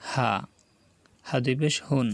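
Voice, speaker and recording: A man with a Bangladeshi Bengali accent teaching Quran reading. He spells out syllables slowly and deliberately, and asks the viewers to repeat after him. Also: medium pitch, fairly even intonation, creaky. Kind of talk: slow spelled-out recitation lesson.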